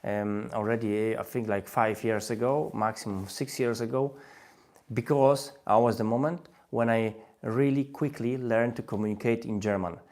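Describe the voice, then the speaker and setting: His mid-range voice is steady and a little mellow at a moderate pace, as a thirty-something man with a Polish accent runs a live language-learning stream. He repeats phrases and coaxes the audience to comment in webinar-style talk.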